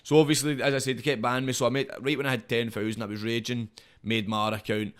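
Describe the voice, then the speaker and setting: A man's voice: medium pitch, little pitch movement, fast talker, fairly bright tone. A man with a broad Scottish accent chatting casually as a guest, rambling in slang with plenty of swearing. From Scotland. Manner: rambling, slangy, frequent swearing and verbal tags. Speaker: podcast guest, social media comedy creator and wrestler.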